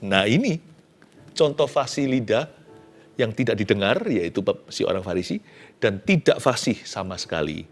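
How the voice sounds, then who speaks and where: A man, a pastor, preaching a sermon in a conversational, animated way. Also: fairly low pitch.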